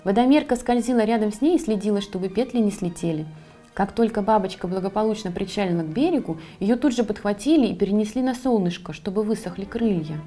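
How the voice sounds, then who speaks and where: A woman, the author, reading her own fairy tale for children, with a calm, expressive delivery. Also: mid-range voice, quick pace, soft background music. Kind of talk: storybook narration for children.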